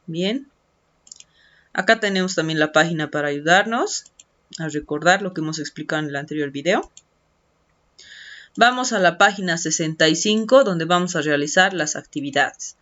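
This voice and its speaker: A woman's voice: deep voice, lively intonation, moderate pace, long pauses, a bit bright. A woman teacher patiently walking students through textbook activities step by step in an online lesson. She often adds a questioning tag and stretches out key words as she writes them. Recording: dull lo-fi screen-recording audio.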